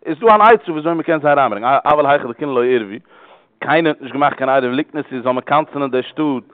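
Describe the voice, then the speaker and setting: A man's voice: mid-range voice, no room sound. Guy racing through a religious law class, repeats himself a lot, tinny phone-ish sound, dead dry. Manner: rapid, repetitive explaining.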